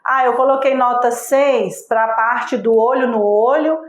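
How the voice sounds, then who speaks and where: A woman's voice: a little high, unhurried, reverberant. A woman teaching a recorded online lesson. She speaks patiently, asks the viewer direct questions, and checks in with short tags. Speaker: online course instructor.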